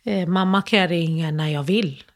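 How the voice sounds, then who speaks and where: A middle-aged woman from Sweden speaks as an interview guest, telling her story in halting phrases. She fills her speech with fillers and restarts and acts out the old phone calls in her own voice. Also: on the low side. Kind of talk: personal interview, emotional storytelling.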